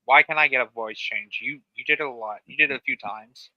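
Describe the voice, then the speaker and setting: A man co-hosting a podcast, excitable and profane in casual banter. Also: mid-range voice, brisk, muffled recording. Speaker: podcast co-host.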